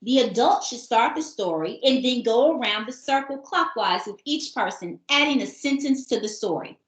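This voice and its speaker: Fairly high-pitched and lively, this female host speaks at a normal speed in a reverberant space. She reads scripted instructions for her kindergarten-readiness parenting show, encouraging parents in an upbeat, teacherly way.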